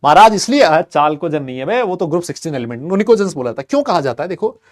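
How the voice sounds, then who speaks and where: A man teaching a chemistry class, chatty and lively, quizzing and teasing his students and mixing English terms into his talk. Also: a little high, rapid-fire. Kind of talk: classroom lecture.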